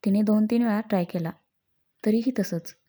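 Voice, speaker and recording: A woman's voice: mid-range voice, normal speed, dark tone. A woman reading a story aloud as narrator, shifting her tone a little for the dialogue.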